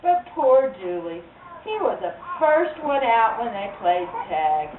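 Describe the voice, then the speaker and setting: A woman's voice: fairly high pitch, very animated, slow pace. A woman telling a children's story live in a theatrical, folksy, emphatic manner. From Louisiana, USA. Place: live before an audience of children, distant mic. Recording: tinny, distant, echoey live recording with noise.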